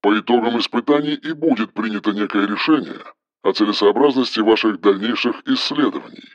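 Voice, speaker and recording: A man reading an audiobook, voicing a cold, commanding engineer who gives flat, toneless orders over the phone in a metallic voice. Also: on the low side, a little fast, dry recording, highs cut off, voice pushed down. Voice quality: metallic timbre.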